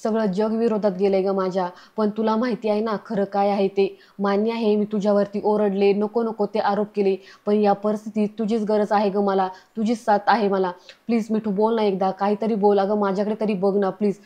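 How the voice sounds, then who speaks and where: A frightened young woman from a television serial, tearful and pleading as she hides a secret, read by a woman narrator. Her voice stays mellow and flat in pitch. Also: fairly quick, muffled recording, lightly acted.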